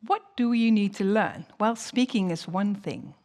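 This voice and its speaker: A woman's voice: mid-range voice, a little slow, very noisy. A woman who is a non-native English speaker presents teaching tips as a teacher, in an encouraging manner with frequent rhetorical questions. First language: not English.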